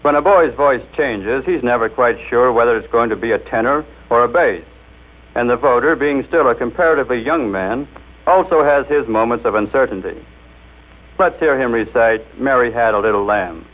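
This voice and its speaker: An American man speaks as a 1930s demonstration presenter, formal and showmanlike, at an average pitch. The recording is tinny and narrow, like an old radio broadcast. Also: normal speed.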